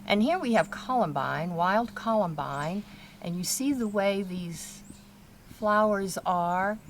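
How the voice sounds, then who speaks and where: A woman from Kentucky, United States, walks through her home garden outdoors, casually and instructively pointing out plants in plain words. She speaks slowly at a medium pitch. The recording carries faint outdoor ambient noise behind her.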